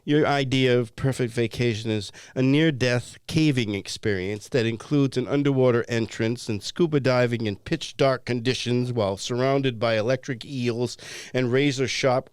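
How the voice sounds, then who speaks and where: A man's voice: medium pitch, moderate pace, clean tone, no room sound, clean studio sound. A man with a New England accent co-hosting comedic banter, ranting with exasperation about everyday phrases. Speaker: co-host.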